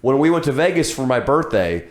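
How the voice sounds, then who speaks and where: A man's voice: medium pitch, very animated, a little fast, echoey room. A man talking casually as a podcast host, telling stories bluntly and with swearing. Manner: blunt, profane. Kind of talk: casual chat, storytelling.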